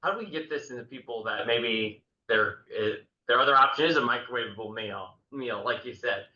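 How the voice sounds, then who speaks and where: A man's voice: mid-range voice, a little fast, sharp tone. A man interviewing a guest, asking loose, hesitant questions full of uh and um. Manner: hesitant, many fillers. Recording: dull echoey room audio.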